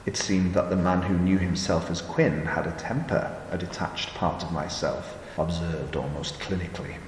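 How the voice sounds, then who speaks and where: A man, the author, reading his own novella aloud in first-person audiobook narration, in a measured, steady way. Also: deep voice. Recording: roomy echo, long reverb, faint hiss.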